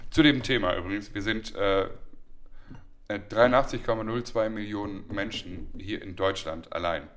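A man co-hosting a casual podcast. He keeps the talk loose with a joking, teasing manner. His voice sits somewhat low. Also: normal speed, fairly bright tone. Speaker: podcast co-host. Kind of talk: casual chat.

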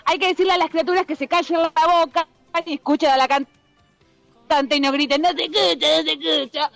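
A woman's voice: high-pitched, steady tone, a little fast, vocal fry, fairly bright tone, no room sound, soft background music, poor audio. A woman calling in live over the phone from a festival, bantering in a playful mock-formal way. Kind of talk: casual live call-in banter.

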